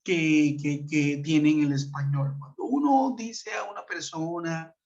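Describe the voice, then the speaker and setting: A man teaching an online class, explaining patiently, checking in with his students and reading example sentences slowly. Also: on the high side, creaky, darkish tone. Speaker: English teacher. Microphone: computer mic on a web conference. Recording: muffled web-conference audio.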